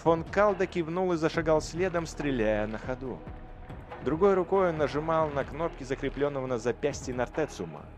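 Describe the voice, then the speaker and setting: A man giving dramatic audiobook narration of a dark war story, swelling his voice on the violent passages. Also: fairly high pitch, expressive, moderate pace, faint music behind.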